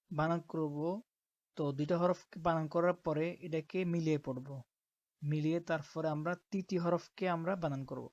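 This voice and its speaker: A woman teaching Quran reading, who spells out letters slowly and often checks that her listeners are following. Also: sits low, a little mellow, dry recording, lo-fi sound. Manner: slow, patient, checks in with "ঠিক আছে?".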